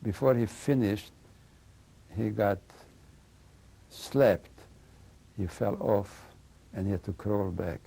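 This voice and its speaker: An older man speaks in a low, gravelly voice with a dark, husky tone. He gives oral history testimony, halting and searching for his words. He keeps adding "you know" as he goes. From Slovakia and Hungary. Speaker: interviewee recounting memories.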